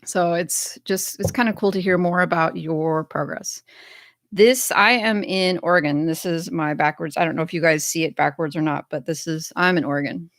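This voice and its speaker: This is a chatty American woman hosting a casual livestream, her voice sitting on the lower side. She talks in an upbeat, loose way, reading out comments from viewers. The sound is dry and close, with no room around it. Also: moderate pace, no echo. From United States. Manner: chatty, upbeat, reads chat comments aloud. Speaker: livestream host.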